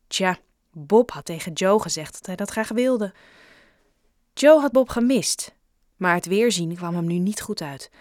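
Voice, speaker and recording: A woman reading a children's novel aloud with clear, steady storytelling narration. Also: mid-range voice, no room sound, studio quality. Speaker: audiobook narrator. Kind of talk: scripted narration.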